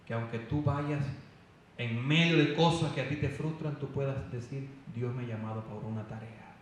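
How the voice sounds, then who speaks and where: A man's voice: medium pitch, moderate pace, a little hiss or hum. Fervent preacher man, echoing hall. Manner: fervent, rising to loud emphatic calls. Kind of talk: sermon. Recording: echoey hall, voice from far off.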